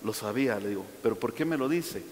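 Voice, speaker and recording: A man's voice: lowish voice, lively intonation, fast, darkish tone. Pastor guy giving a sermon, chatty, keeps asking the congregation stuff, big echoey church sound. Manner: colloquial preaching with rhetorical questions to the congregation.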